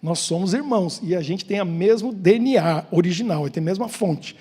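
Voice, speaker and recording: Brazilian pastor guy, high voice, joking around with the congregation, long echo from the church hall. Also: moderate pace, warm tone, slightly rough. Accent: Brazilian Portuguese. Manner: joking, chatty, asks the congregation questions. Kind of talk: informal sermon with banter.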